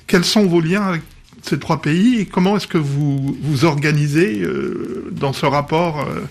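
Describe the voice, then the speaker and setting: A man hosting a broadcast interview, putting brisk, structured questions to his guest. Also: a little high.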